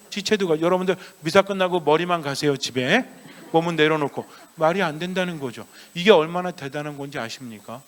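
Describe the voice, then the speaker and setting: Priest with a lively, questioning sermon voice. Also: male voice, a little high. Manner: asks the congregation many questions and answers himself; acts out children's voices in a playful story. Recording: long church reverb.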